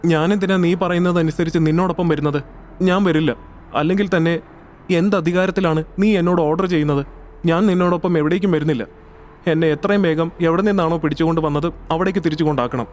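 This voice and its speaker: A man doing a jittery, easily spooked young man in an audio story, pleading and grumbling in a voice pushed higher than his own. It is a studio read with a faint hiss of noise underneath. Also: brisk, a little mellow, natural voice. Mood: resentful. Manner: pleading and complaining, voice pushed high. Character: young man, anxious, easily frightened, sulky. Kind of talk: audio drama acting.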